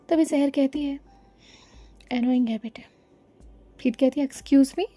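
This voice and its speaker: A woman narrating a romance story, reading all the characters' lines herself in a calm, even voice. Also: high voice. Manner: reads every character's lines in her own voice, calm and even.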